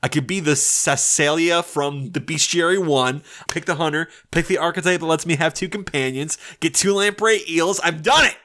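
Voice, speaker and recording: Bright-voiced playful young man. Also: a little high, normal speed, few pauses. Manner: playful, jokey, bursts of excitement. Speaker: podcast co-host. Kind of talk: casual tabletop game chat.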